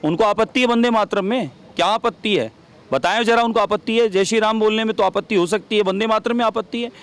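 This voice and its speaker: Man, legislator, combative, rhetorical questions, a bit high-pitched, outdoors. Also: fast talker. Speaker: interviewed legislator.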